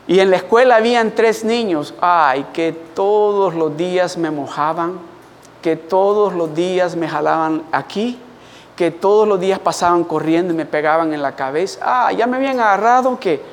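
A man preaching a sermon as pastor, an animated storyteller calling on the congregation to respond. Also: sits high, long reverb tail.

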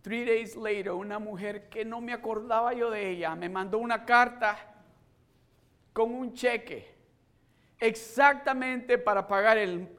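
A middle-aged male preacher shares a personal testimony during a sermon, shifting from gentle storytelling to shouted exhortation. His voice is high-pitched and clean, and he switches back and forth between Spanish and English.

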